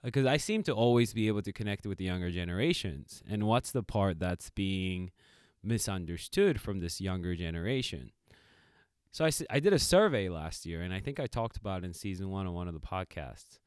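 A middle-aged man co-hosts a podcast, his low voice moving fairly quickly with a clean tone. He tells stories in a reflective, animated way, packed with fillers and restarts. The recording is clean studio audio with no room sound.

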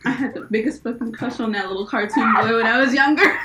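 Young female podcast co-host, higher voice, excitable and loud, clipping distorted mic. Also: fast, reverberant, heavy background noise. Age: young adult. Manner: excitable, loud outbursts, laughs often. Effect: clipping, distorted mic from shouting close into it. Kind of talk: casual chat.

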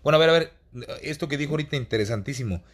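A man's voice: fairly high pitch, very fast. A man with a Mexican Spanish accent hosting a casual interview, chiming in often with eager, affirming remarks. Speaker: host.

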